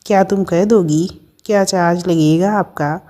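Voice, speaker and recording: A woman's voice: fairly low pitch, measured pace, dark tone, close to an everyday voice. A woman voicing a teasing young husband. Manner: teasing, mischievous.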